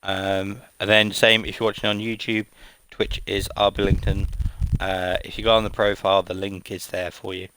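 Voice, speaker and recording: A man's voice: low-pitched, little pitch movement, moderate pace, background noise. A tired, yawning man, chatting casually as he streams a racing game, rambling with many fillers and restarts. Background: game music and car engine sounds.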